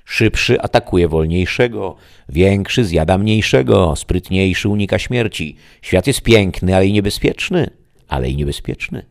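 A man voicing a calm, all-knowing disembodied voice in an audiobook fairy tale, speaking slowly and solemnly, husky with vocal fry. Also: deep voice, pitched above the performer's own voice.

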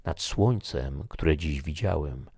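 Audiobook figure: man reading as a solemn soldier, low gravelly voice, slow and measured, dry studio. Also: expressive, a little mellow, no echo, full character voice. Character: grave, fatalistic male soldier.

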